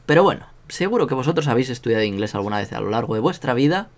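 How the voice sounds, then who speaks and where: Very fast and with lively intonation, this mid-range male voice belongs to a Spanish teacher from Spain giving an informal online lesson. He's joking and self-mocking while drilling sounds out loud.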